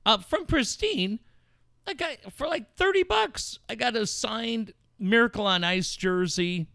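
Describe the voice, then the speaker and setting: A man's voice: very high voice, lively intonation, a little slow, vocal fry, pushed and bright, dry recording, clean studio sound. A middle-aged man from Southern California hosting talk radio, rambling and swearing in casual banter. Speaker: radio show host.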